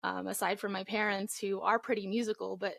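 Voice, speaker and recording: A woman's voice: mid-range voice, level tone, fairly quick, vocal fry, a bit bright, dry recording, studio quality. A young woman from the Philippines, raised in Florida, answering interview questions earnestly with frequent ums. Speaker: indie singer-songwriter guest.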